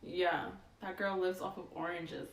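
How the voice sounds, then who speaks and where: A woman co-hosting a podcast in laid-back casual chat, often trailing off quietly. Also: lowish voice, flat delivery, measured pace. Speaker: podcast co-host. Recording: echoey room with faint noise.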